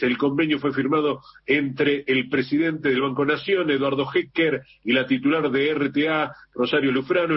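A man with an Argentine accent hosting a morning radio news show, chatty and relaxed, often repeating and correcting himself. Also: fairly high pitch. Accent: Argentine Spanish. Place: radio studio. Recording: slightly muffled radio broadcast with faint hiss.

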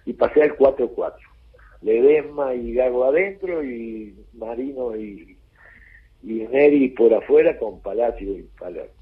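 A man's voice: medium pitch, a little slow. Blunt Argentine man on a phone line. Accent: Rioplatense Spanish. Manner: blunt, colloquial storytelling. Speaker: football coach guest. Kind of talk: radio interview. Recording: phone-line radio call.

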